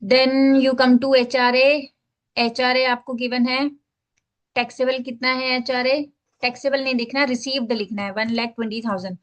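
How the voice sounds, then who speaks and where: Hindi-speaking woman teacher, steady explainer. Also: high-pitched, moderate pace. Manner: explains step by step, repeats "ठीक है" to check in; mixes English phrases into Hindi. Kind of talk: screen-share tax filing lesson.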